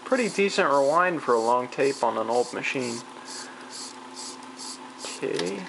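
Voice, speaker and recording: In a home video thick with machine hum, someone shows off a vintage tape recorder, chatting off the cuff and muttering while working. Their mid-range voice is animated yet unhurried.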